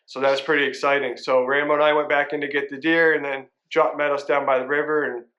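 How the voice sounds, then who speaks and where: A man hosting a vlog, telling a hunting story in a relaxed, rambling way. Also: fairly high pitch, fast, highs cut off. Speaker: vlog host and hunter. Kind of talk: casual vlog intro.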